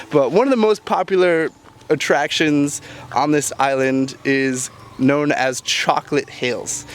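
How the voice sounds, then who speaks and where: Upbeat young man vlogging outdoors. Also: a little high. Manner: chatty, upbeat, talks straight to viewers. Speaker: travel vlogger. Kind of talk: casual travel vlog to camera. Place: outdoors on a tropical island. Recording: outdoor camera audio with background music and crowd.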